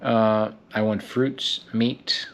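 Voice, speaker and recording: A young man muses aloud in a solo vlog, drifting between thoughts and often restarting and repeating words. His voice is a bit low and his tone is reflective. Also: flat delivery, very slow. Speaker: actor and fitness vlogger.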